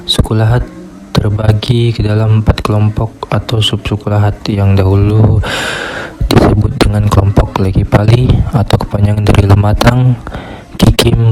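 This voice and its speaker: A young man presents a class report, reading steadily from his script in a low voice. He keeps an even, monotone delivery. A loud hiss runs under the whole recording. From Indonesia. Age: young adult. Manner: steady, reads from a script in a flat tone. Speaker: student.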